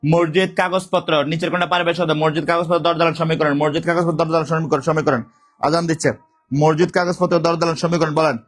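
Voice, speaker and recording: A man teaching a live online exam-prep class with a sore throat, speaking softly, repeating questions and calling out students' names. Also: fairly high pitch, level tone, fast. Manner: repetitive, calls out student names and drills questions.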